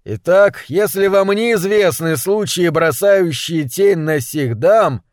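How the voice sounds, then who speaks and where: A solemn investigator of witchcraft, put on by a man narrating a storybook, delivering learned pronouncements in a formal, measured way. His voice rises above the narrator's own, and the recording is dry and close. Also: sits high, dry recording, pitched above the performer's own voice. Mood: questioning.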